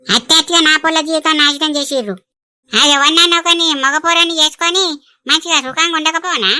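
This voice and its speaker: Woman as a scolding village aunt, high, piercingly bright, dry. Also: fast, no room sound. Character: sharp-tongued village aunt, middle-aged woman, teasing. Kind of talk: Telugu cartoon dubbing.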